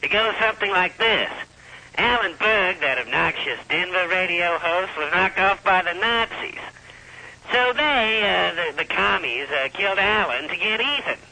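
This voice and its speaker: Shifty self-satisfied brother, animated, high, piercing, bumbling, mockumentary comedy. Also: male voice, moderate pace, vocal fry, full character voice, rough recording. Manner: earnest then bumbling, smug. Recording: faint background noise.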